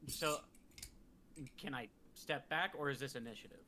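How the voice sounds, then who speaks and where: A young man playing a tabletop game online, joking and asking the game master quick questions. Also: medium pitch, sharp tone, a little hiss or hum. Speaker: player. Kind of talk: casual game chat.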